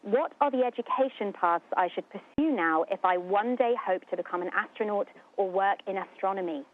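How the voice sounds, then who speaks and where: A woman's voice: medium pitch, brisk. A woman hosting a live broadcast interview as a news presenter, heard through a phone-like link. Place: studio, heard over a link. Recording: narrow tinny phone-like radio link.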